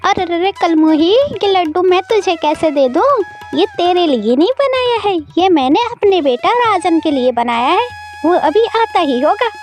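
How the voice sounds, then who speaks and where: A woman voicing a cruel, scornful stepmother who scolds in a shrill, nagging way. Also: expressive, normal speed, a little mellow, faint music behind. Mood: scolding.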